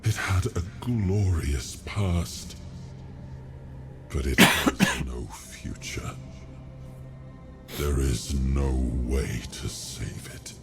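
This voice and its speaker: A stern, burdened king from a fantasy game. His voice is extremely low and his delivery slow and solemn, weighing every word. Prominent music plays behind him. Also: animated, exaggerated voice. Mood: regretful, weary. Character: grave, regretful King Arthur, stern ruler burdened by past decisions. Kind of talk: dramatic fantasy video game acting.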